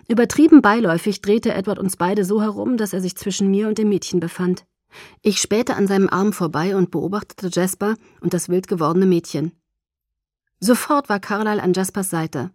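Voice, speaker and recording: A woman reading a first-person audiobook in a measured, low-key storytelling manner. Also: a little mellow, no room sound, studio quality. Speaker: audiobook narrator.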